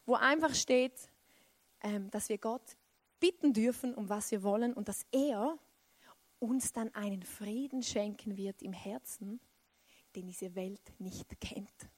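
A woman preaching a sermon in an animated way, swinging between loud exclamations and soft, hushed emphasis. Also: fairly high pitch, no echo.

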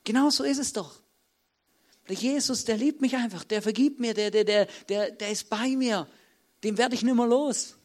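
A man's voice: high-pitched, normal speed, a little mellow. A man preaching an informal sermon, talking straight to the congregation and acting out quotes in a chatty, direct way. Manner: casual, direct, addresses listeners as "du", acts out quotes. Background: music playing under the speech.

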